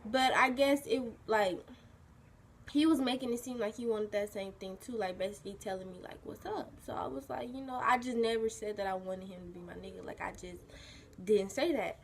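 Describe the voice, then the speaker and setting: Teen girl vlogging, husky just-woke-up voice, rambles a lot with like and you know. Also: medium pitch, steady tone, brisk, slight background noise. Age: teens. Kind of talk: casual storytime chat.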